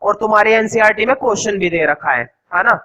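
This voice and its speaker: A man teaching a class, slowly dictating notes word by word and asking the students quick questions in between. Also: high-pitched, pushed and bright, rough recording. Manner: quizzes students with rhetorical questions; teasing, joking. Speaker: science teacher. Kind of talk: classroom lecture.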